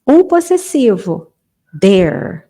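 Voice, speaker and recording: Chatty woman teaching English, gravelly voice. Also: mid-range voice, very animated, warm tone. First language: Portuguese. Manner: chatty, informal, slows down to model English sentences. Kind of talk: online English lesson for beginners.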